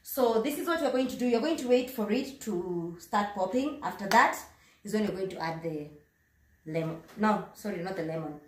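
A woman's voice: mid-range voice, lively intonation, normal speed, a little mellow, echoey room, a little hiss or hum. A young woman hosting a casual home cooking vlog, chatting through the steps and slipping Swahili words into her English. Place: home kitchen, indoors.

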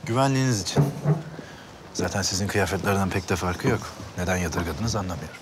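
A man's voice: low voice, fairly quick, very noisy, natural voice. An actor playing a blunt, dryly dutiful Ottoman palace attendant in a period drama.

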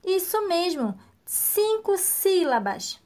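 A woman teaching a recorded lesson to young children, slow and encouraging, praising each answer. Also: very high voice, sing-song, darkish tone. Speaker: primary school teacher.

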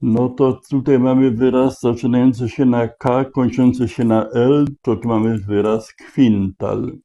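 A man works through a crossword out loud, unhurried and methodical, sounding out letters one by one. His voice is very dark and mellow, caught on a dull, lo-fi recording. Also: mid-range voice, flat delivery. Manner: slow, deliberate, spelling out letters. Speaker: crossword solver. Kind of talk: thinking aloud while solving a crossword.

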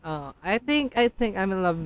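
A young Filipino man in his twenties, shy and polite, chats with strangers over video between songs, thanking them again and again. His voice sits high and swings widely in pitch at a normal, smooth pace. Singing with guitar in a pink-lit bedroom, he uses a studio mic on a stand, and guitar music plays behind him.

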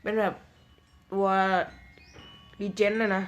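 A man chatting casually through mobile game news, joking around and reading out English slowly word by word. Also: high-pitched, monotone, faint music behind. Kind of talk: casual commentary.

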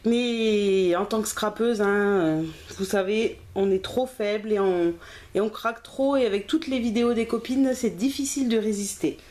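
A woman's voice: mid-range voice, normal speed, darkish tone. A woman chatting casually through a craft haul video, self-deprecating and often hesitating. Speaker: craft vlogger.

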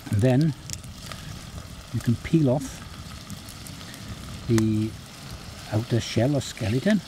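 A Welsh man in his fifties giving a relaxed, chatty cooking demonstration outdoors on a beach, with many ums and uhs. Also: mid-range voice, slow, background noise. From Wales. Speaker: forager and outdoor cook.

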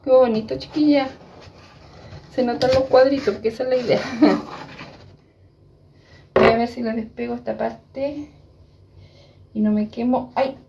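A woman's voice: on the high side, steady tone, a little slow, vocal fry, long pauses, lo-fi sound, noisy background. A Chilean woman chatting casually to her viewers in a home cooking vlog from her kitchen. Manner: chatty, addresses viewers directly and often. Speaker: vlogger.

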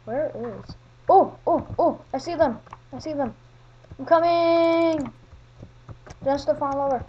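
A woman giving solo video game commentary, chatting at other players and swinging from mumbled asides to excited yelling. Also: sits high, takes it slowly, muffled recording. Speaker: gaming commentator. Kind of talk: solo Minecraft gameplay commentary.

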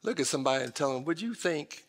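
A middle-aged American pastor preaches from the stage of a large indoor church auditorium, emphatic and conversational, addressing his congregation directly with folksy asides. His voice is on the high side, quick and lively in intonation, with a breathy edge. The recording carries the reverberant sound of the hall.

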